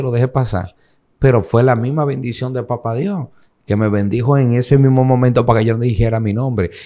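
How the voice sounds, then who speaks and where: A young man with a Dominican accent from the Cibao region, telling his story as an interview guest and acting out what others said. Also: mid-range voice. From Dominican Republic. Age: young adult. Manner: animated retelling, acting out the voices of others in quotes.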